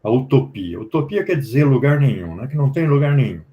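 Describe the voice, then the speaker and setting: A man with a Brazilian Portuguese accent, a professor explaining history to a study group in an unhurried lecturing manner with frequent tag questions. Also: medium pitch, big pitch swings, highs cut off. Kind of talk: academic discussion.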